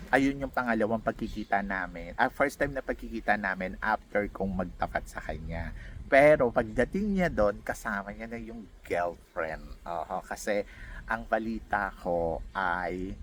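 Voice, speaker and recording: A man casually telling a personal story as a vlogger, animated and laughing often as he acts out what others said. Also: lowish voice, measured pace, a little hiss or hum.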